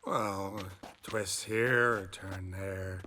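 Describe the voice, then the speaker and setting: A deadpan low witcher. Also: very slow, crowd noise. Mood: dry. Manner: dry, terse, deadpan. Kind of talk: video game character dialogue.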